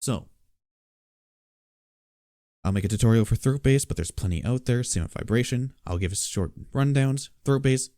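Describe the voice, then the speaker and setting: A man giving a casual spoken beatbox tutorial, explaining in a relaxed, matter-of-fact way. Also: mid-range voice, moderate pace, pauses often, no echo, studio quality.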